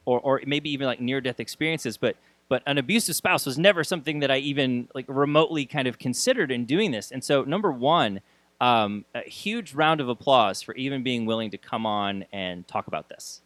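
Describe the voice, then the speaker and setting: A man hosting a podcast, talking conversationally with halting phrasing and repeated words. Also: medium pitch, lively intonation, a bit bright, no echo. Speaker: podcast host. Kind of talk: conversational podcast intro and interviewing.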